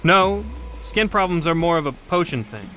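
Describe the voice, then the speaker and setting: A man's voice: a little high, animated, normal speed, pushed and bright, slight background noise. A man voicing a quirky, laid-back forest wizard in a cartoon who rambles offhandedly. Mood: rambling. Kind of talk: cartoon voice acting.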